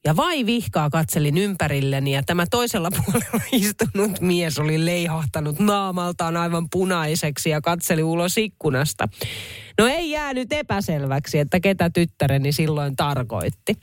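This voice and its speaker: A woman hosting a radio show, reading out listener messages in a lively chat style and laughing often. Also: lowish voice, no room sound, clean studio sound. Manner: animated, laughs often, exclaims "oi oi". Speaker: radio host. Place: radio studio.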